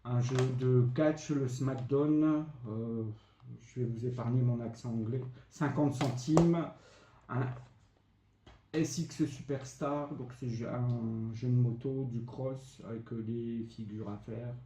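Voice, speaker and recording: A man of medium pitch talks slowly in a steady tone while showing off his retro video game haul. He's a collector vlogger, chatting casually and naming prices amid many fillers. The echoey room carries a little faint noise.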